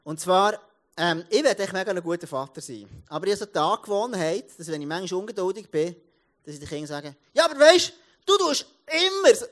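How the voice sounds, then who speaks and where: A pastor in his thirties with a Swiss German accent gives a casual sermon in a high, fast voice. He tells lively stories, often restarting sentences and repeating words.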